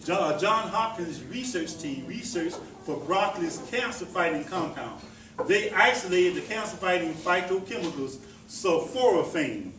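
A man's voice: sits high, expressive, moderate pace, a bit bright, a little hiss or hum. Folksy man lecturing from across an echoey room. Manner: folksy, repetitive, asks the audience questions. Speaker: presenter teaching about herbs. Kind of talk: informal talk to a small audience. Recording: echoey room, voice heard from a distance.

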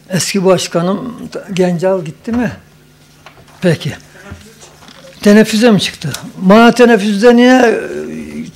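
A man's voice: high-pitched, gravelly. A man speaking at a podium microphone in a council meeting hall, reading a commission report with ceremonious greetings and teasing asides. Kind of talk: formal council speech with joking asides. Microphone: podium microphone at a lectern.

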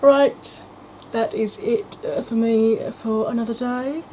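The woman's fairly high voice moves slowly with fairly even intonation, captured on a low-quality recording with slight background noise. She's a makeup vlogger in her kitchen at home, chatting casually, straying from the topic, joking at her own expense and occasionally speaking softly.

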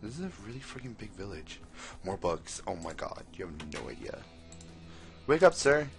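A young man giving casual, excitable commentary while he plays, exclaiming often and talking to the characters on screen. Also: low voice, a little fast, gravelly, faint music behind. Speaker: gameplay commentator.

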